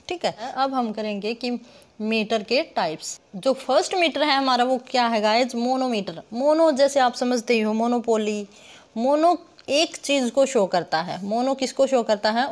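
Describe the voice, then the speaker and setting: Young woman teacher, slightly high-pitched, patient explainer who poses her own questions and breaks words into sounds. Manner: rhetorical questions she answers herself, addresses viewers as guys. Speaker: literature teacher. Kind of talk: online lesson explaining poetic meter.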